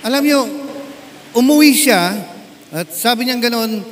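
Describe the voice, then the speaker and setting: A man with a Filipino accent, a pastor telling a story in a sermon, lively and animated, acting out the voices of the people in it. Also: very high voice, measured pace. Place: large church hall at a camp service. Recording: echoey hall, faint ambient noise.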